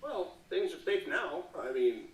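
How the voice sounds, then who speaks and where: Male tabletop player, slow, laughing, lively pitch; roomy, chatter behind. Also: recorded from a distance, a little hiss or hum. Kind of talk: casual tabletop game chat. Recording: echoey room, off-mic, voices behind.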